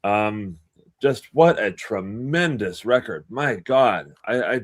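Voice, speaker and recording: A man's voice: fairly low pitch, animated. Earnest, gushing man in his twenties. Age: 20s. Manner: gushing, earnest, with halting restarts. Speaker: co-host. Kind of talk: casual panel chat.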